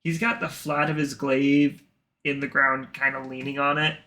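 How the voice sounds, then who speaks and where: A man narrating as game master of a tabletop game, describing scenes in an unhurried, descriptive way. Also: mid-range voice, level tone, bright, forceful tone.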